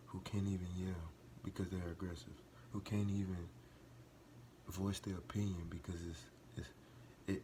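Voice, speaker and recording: A man's voice: sits low, mellow, slight background noise. A man hosting a reaction video, talking earnestly and with passion, repeating and restarting phrases as he builds to emphatic bursts. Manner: earnest and impassioned, rising to emphatic outbursts. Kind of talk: casual reaction commentary.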